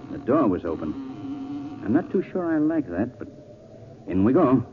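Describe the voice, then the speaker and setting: An actor playing a confident, commanding detective and avenger in a 1940s radio thriller, with crisp theatrical delivery. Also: male voice, mid-range voice, very animated, normal speed, lightly acted. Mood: wry, cautious. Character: confident amateur detective, secretly a sinister avenger. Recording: tinny, hissy 1940s radio recording.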